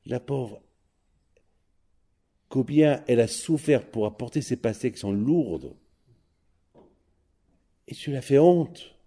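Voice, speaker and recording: An earnest young male visitor, voiced by a man telling a story. He speaks softly and sincerely with a warm, mellow tone. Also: medium pitch, slow pace, long pauses.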